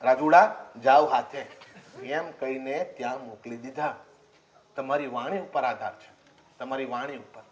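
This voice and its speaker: A man's voice: medium pitch, normal speed. A man preaching a sermon, telling a comic story and acting out its characters with laughing asides.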